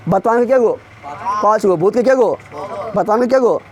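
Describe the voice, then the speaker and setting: In a classroom, a man with a high voice leads a grammar revision lesson, drilling his students with quick, repeated questions.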